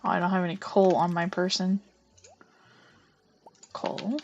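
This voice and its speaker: A woman's voice: lowish voice, little pitch movement, a little slow, creaky, a little mellow, dull audio. A young woman streaming a farming game, chatting casually and talking through each move she makes. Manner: chatty, narrates her gameplay aloud, hums to herself. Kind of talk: casual live-stream chat.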